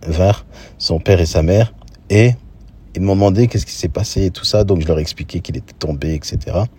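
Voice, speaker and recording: Speaking with a very low, husky voice, a male storyteller casually recounts a personal memory in a relaxed, conversational way. Reflective and thoughtful, he keeps pausing mid-sentence to search for the right word.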